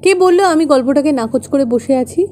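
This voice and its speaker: A woman's voice: sits high, animated, fairly quick. A woman reading the part of a young wife who placates her husband, in a Bengali play reading. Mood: placating. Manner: placating, gently reassuring. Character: young adult wife, soothing and evasive.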